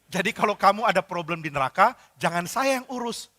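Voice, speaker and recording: Man voicing dismissive older church head, slow deadpan delivery, bright tone. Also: high-pitched, full character voice.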